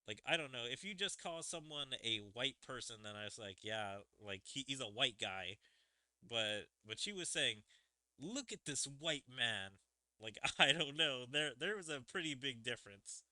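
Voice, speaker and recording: A man's voice: mid-range voice, expressive, normal speed, bright, forceful tone, no echo. A man reacting to a video in a casual, rambling way, filling his speech with "like". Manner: rambling, lots of "like" fillers. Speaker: reaction streamer.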